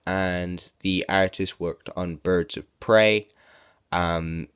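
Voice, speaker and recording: A man's voice: deep voice, clean tone. A man with a sore throat and sniffles giving a casual, rambling video review as a comic book reviewer.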